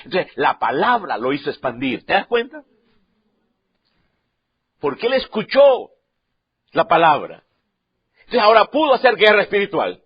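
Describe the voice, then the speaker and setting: A man preaching a sermon with passion, swinging from quiet, low asides to loud, rising declarations. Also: wildly swooping pitch, moderate pace, long pauses, husky. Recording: dull lo-fi sound.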